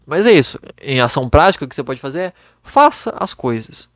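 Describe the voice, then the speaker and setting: A man's voice: fairly high pitch, very animated, fairly quick, no echo, studio quality. A young man hosting a podcast from his bedroom, giving blunt, casual advice into a microphone and swearing freely. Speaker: podcast host.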